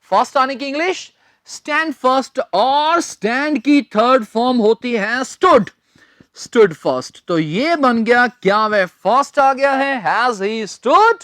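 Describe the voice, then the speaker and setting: A man teaching English grammar in a recorded lecture, speaking deliberately, spelling words letter by letter and repeating key phrases. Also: very high-pitched, lively intonation, a bit bright, dry recording, clean studio sound.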